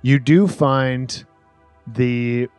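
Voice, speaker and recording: A man narrating as game master of a tabletop role-playing game, relaxed and quick to laugh. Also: medium pitch, clear, resonant tone, no echo, soft background music. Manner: relaxed, laughs easily, voices side characters.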